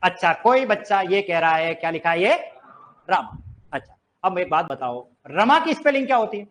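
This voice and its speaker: A man with a strikingly high voice teaches to a class. He keeps firing rhetorical questions and drilling his students to read each word aloud. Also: big pitch swings, moderate pace, a bit bright, a little hiss or hum. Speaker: Hindi teacher. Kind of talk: classroom lesson.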